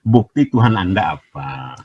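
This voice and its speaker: Man arguing on a live stream, keeps repeating himself, pitch jumps all over, muffled sound. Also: expressive, a little slow, husky. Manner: insistent, repeats himself to get a word in. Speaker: debater in a live online argument. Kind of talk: heated live debate.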